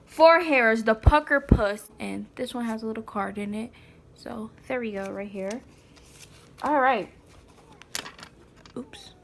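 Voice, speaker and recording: A woman's voice: on the high side, a little slow, gravelly, long pauses, slight background noise. A woman reading a children's picture book aloud in an informal way, with chatty asides to a small child. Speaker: mother reading aloud to a child, vlog host. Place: indoors, sitting on the floor.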